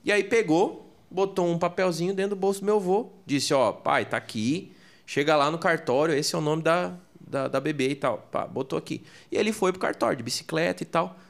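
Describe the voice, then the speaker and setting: Slangy storytelling man, lively. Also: a little high, a little fast, creaky. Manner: animated storyteller, slangy, acts out quotes. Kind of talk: casual storytelling chat.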